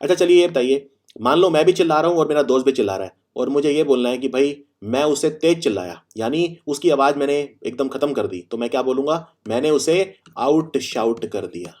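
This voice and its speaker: A man's voice: medium pitch, animated, a little mellow. Man teaching vocabulary in Hindi. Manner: explains with everyday examples, repeats key phrases; reads English example sentences slowly and deliberately. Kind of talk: Hindi-English vocabulary lesson.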